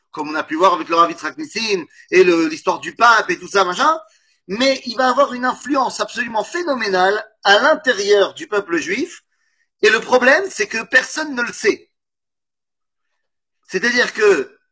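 A man with a French accent giving an informal Torah class, animated, often correcting himself and asking and answering his own questions. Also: high voice, husky. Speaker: Torah teacher.

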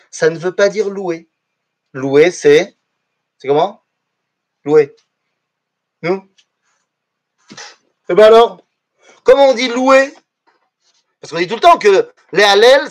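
A man teaching a lesson to his students, explaining things step by step and often throwing questions back at the class. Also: high voice. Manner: animated, asks the class rhetorical questions.

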